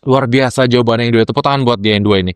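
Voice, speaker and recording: A young adult man, a lecturer telling classroom stories in casual chat, acting out quoted lines with animated jumps in pitch. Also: racing, clean tone, dry recording. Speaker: lecturer and podcast guest.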